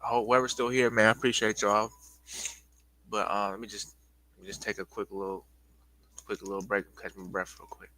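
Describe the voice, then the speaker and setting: A man hosting a casual livestream lecture, talking loosely to his viewers with lots of restarts and pausing to catch his breath. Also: lowish voice, little pitch movement, sharp tone, poor audio. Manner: loose, repetitive, addresses viewers as y'all. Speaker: livestream host giving a presentation.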